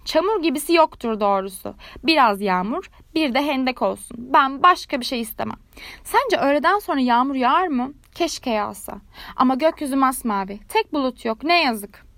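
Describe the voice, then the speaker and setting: A talkative, self-satisfied frog from a storybook, voiced by a woman reading the tale. She gushes along sweetly without a pause, pleased with everything she says. The voice sits high and sounds close and dry. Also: lively intonation, a bit bright, no room sound. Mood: gushing. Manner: gushing, nonstop talker, sweetly self-satisfied. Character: chatty, smug frog who loves her own voice.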